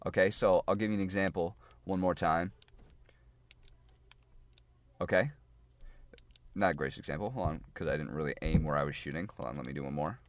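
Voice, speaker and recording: A man with a lowish voice walks through game tactics in a loose, chatty way, repeating phrases and thinking aloud as he plays. The sound is dry and close, with no room echo. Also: a little fast, pauses often. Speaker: gaming guide creator. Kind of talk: casual gameplay tutorial.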